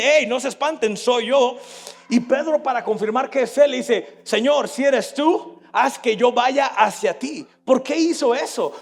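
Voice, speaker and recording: A man with a Mexican Spanish accent, a pastor giving a sermon, who moves from quiet storytelling to loud preaching. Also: very high voice. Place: church hall. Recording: echoey hall with soft music.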